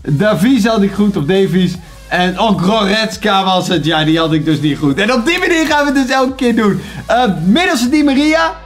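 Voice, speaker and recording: A young man with a Dutch accent, chatting casually and excitedly as he plays a football quiz for his channel, muttering to himself as he guesses. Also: sits high, moderate pace, soft background music. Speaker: YouTuber playing a quiz. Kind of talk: casual commentary while guessing.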